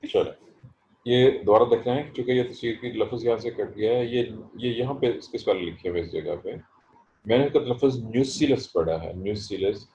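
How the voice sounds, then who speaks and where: A man teaching a botany class online, explaining terms slowly and stressing how to pronounce them. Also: medium pitch, mellow, echoey room, highs cut off, a little hiss or hum. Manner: slow, explanatory, stresses pronunciation. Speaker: botany professor. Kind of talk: online lecture.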